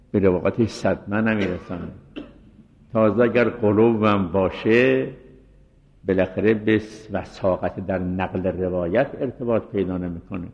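A middle-aged man giving a measured scholarly lecture on hadith narrators as a seminary teacher, reciting Arabic quotations along the way. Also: lowish voice. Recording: muffled recording with long reverb.

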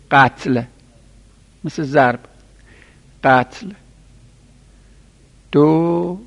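Gravelly man dictating a lesson slowly. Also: fairly high pitch. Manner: counts items aloud and spells letters slowly. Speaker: teacher. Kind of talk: classroom lesson dictating Arabic verbal nouns. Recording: lo-fi recording in a reverberant room.

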